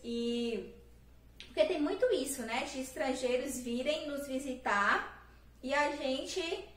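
A high-voiced Brazilian woman gives a relaxed video lesson for English teachers. She talks in a chatty way, checking in with her listeners as she goes. Her voice sits a little back from the mic in a roomy, echoing space. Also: takes it slowly, far from the mic. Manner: chatty, with tag questions and English words mixed in.

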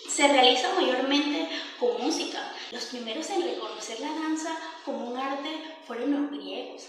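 A young Panamanian woman, a university student, explains her topic from a prepared text in a rather high voice. She records herself on a phone in a small, echoey room, heard from a little way off, with music playing underneath. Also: normal speed, far from the mic, background noise. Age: 20s. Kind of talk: class video presentation.

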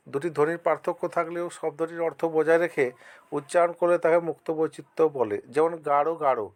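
A man's voice: on the high side, darkish tone. A man from West Bengal with a West Bengal Bengali accent, teaching an exam-prep lesson to his students. He reads each question aloud, answers it, and gives examples. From West Bengal, India. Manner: addresses students directly, encouraging.

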